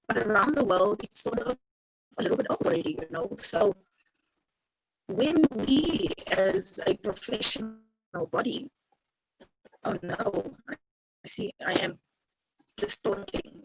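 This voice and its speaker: A woman's voice: sits high, very animated, unhurried, creaky, long pauses, slight background noise. A young woman introducing herself on a video call at an online forum, her audio clipping and breaking up. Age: young adult. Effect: distorted, broken-up call audio. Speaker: panel speaker.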